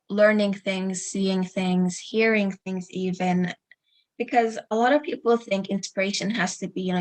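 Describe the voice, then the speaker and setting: A young woman hosts a relaxed podcast in a mid-pitched voice. She talks earnestly, often pausing on fillers as she works through her thoughts. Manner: hesitant, filler-heavy, earnest. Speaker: podcast host. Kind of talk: casual podcast chat.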